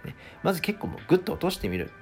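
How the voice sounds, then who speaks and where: A man's voice: sits high, sing-song, racing, darkish tone, breathy edge, soft background music. A man hosting a casual solo talk show, ranting in exasperation and acting out customers' lines. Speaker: podcast host, former restaurant part-timer.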